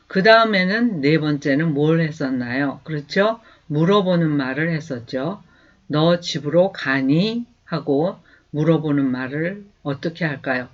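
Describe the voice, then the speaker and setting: A man teaching a beginner language lesson, patiently drilling sentences slowly and repeating them, with an encouraging manner. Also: fairly high pitch. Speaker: English teacher. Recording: dull lo-fi recording.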